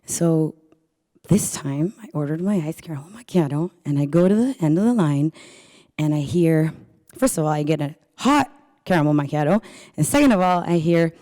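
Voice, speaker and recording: Low, mellow woman presenting in a hall. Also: animated, moderate pace. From Peru. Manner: chatty storytelling, polls the audience with questions. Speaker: workshop presenter. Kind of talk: live marketing workshop talk. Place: event room with a live audience. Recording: reverberant hall.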